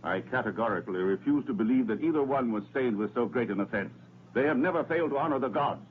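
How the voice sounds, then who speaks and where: An actor playing a proud, rebellious Roman senator, speaking formally like an orator in a dubbed historical film. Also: male voice, mid-range voice, lively intonation, fast, lightly acted. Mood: indignant. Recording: tinny narrow-band old film soundtrack, noisy.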